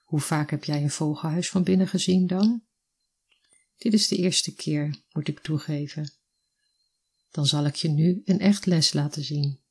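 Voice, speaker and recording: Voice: medium pitch, fairly even intonation, unhurried, a little mellow, breathy edge. A reader doing a wry young mother. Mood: teasing.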